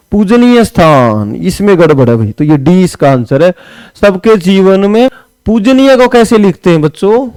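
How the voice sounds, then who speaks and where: A man's voice: high-pitched, a little mellow, smooth, dry recording. A man teaching a Hindi spelling lesson for exam prep, explaining step by step and asking his students questions. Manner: explains step by step, often asks "है ना"; writes on a board while talking.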